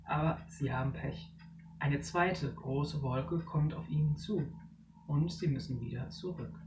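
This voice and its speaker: A storyteller reading a short story aloud in a measured way. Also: medium pitch. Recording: echoey room, distant mic, faint noise.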